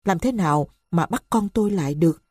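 A woman's voice: on the low side, animated, brisk, darkish tone, husky, no room sound. A woman voicing an anxious male friend who keeps questioning and exclaiming in alarm.

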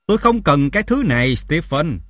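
A man voicing a cruel, drunken mother in an audiobook, shouting in a shrill, sneering way. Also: takes it slowly, no echo, clean studio sound, natural voice. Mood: furious. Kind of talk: audiobook character voice.

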